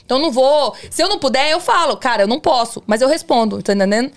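A woman's voice: high-pitched, animated. A woman, a police officer, telling stories on a podcast in a chatty way, often checking that her listeners follow. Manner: rapid, chatty, keeps asking "you understand?". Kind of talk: casual podcast storytelling.

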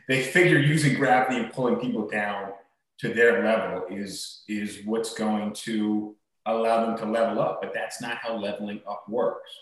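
A male podcast host chatting in a casual, opinionated and blunt way in an empty room that echoes like a cave. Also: mid-range voice. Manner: blunt, swearing.

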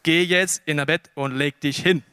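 A man voicing a calm old male teacher in a retold scripture story, low and quiet. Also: normal speed, clear, resonant tone, dry recording, clean studio sound.

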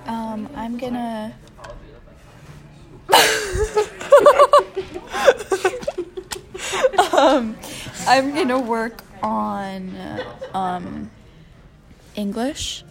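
A woman's voice: high-pitched, sing-song, drawn-out words, pauses often. A woman co-hosting a casual podcast chat at school over lunch, laughing often as she talks. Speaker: co-host. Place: school during lunch break.

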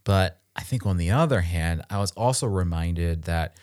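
A deep-voiced man co-hosts a casual podcast conversation. He talks in an earnest, thoughtful way, often restarting his sentences and filling pauses as he works through his thoughts. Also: a little mellow. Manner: earnest, reflective, many restarts and fillers. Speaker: podcast co-host.

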